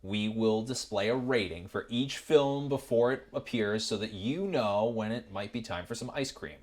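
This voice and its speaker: A man's voice: lowish voice, moderate pace, darkish tone. A man co-hosting a livestreamed film screening, reading scripted announcements with light dry jokes.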